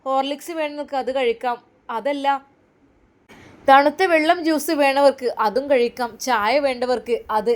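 A woman's voice: high-pitched, normal speed. A woman with a Malappuram accent narrating a story with dramatic flair. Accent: Malappuram Malayalam.

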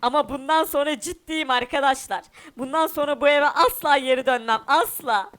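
A man's voice: very high voice, moderate pace, pushed and bright. A man voicing a hurt, defiant runaway boy in a cartoon game parody, whiny and sulking, talking to viewers. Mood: sulky.

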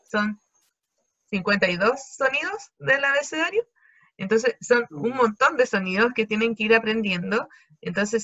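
A Chilean woman teacher calmly adding to a colleague's explanation for parents. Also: mid-range voice, no room sound, muffled recording. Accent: Chilean Spanish. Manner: calm, explanatory, asks "¿cierto?".

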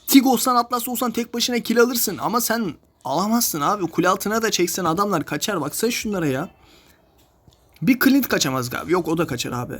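A man's voice: sits high, animated, quick pace, a bit bright. A young man giving casual commentary while playing a mobile game, ranting in exasperation at his teammates.

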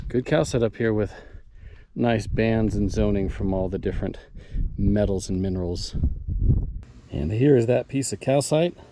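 Recorded on an action camera mic, a rockhounding vlogger with a warm, mid-range male voice enthusiastically shows his viewers fossils and cut rocks. Handling the rocks as he talks, he gives casual show-and-tell narration outdoors at a mine site and in a backyard.

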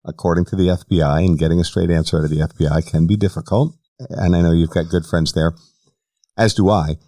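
A man's voice: low voice, fairly even intonation, quick pace, warm tone, dry recording, clean studio sound. A man hosting a podcast, asking questions and giving long, careful explanations in casual interview talk. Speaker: podcast host.

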